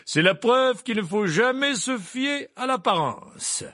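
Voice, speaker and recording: A man voicing a good-natured fatherly middle-aged man in an audiobook, speaking in a slow, emphatic, lecturing way. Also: very high voice, lively intonation, bright, forceful tone, no room sound, studio quality, voice pushed up, heavily acted. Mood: wry.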